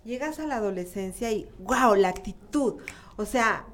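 A woman's voice: medium pitch, expressive, moderate pace, slight background noise. A woman with a northern Mexican accent hosting a casual talk, chatty and playful, steering the conversation. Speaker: host. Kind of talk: casual chat.

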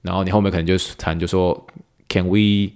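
A man hosting a casual podcast, a physical therapist who talks fast and laughs often, slowing down for English phrases. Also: deep voice, level tone, darkish tone. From Taiwan. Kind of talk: casual podcast monologue teaching clinical English.

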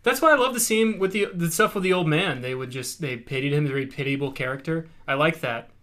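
A man with a bright, somewhat high voice chatting casually with friends. He speaks earnestly, often trailing off and restarting his sentences. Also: animated, fast. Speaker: podcast co-host. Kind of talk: casual chat.

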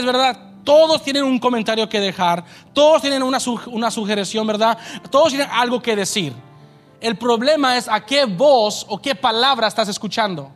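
Guy pastor preaching, kinda high voice, keeps asking the crowd stuff, soft music behind. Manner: emphatic preaching with frequent "¿verdad?" asides. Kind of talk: sermon. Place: church sanctuary.

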